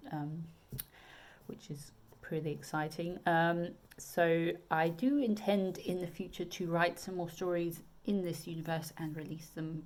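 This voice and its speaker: A romance author from England with a southern English accent chats casually to camera about her books, with many ums and restarts. Her voice is on the low side with a darkish tone.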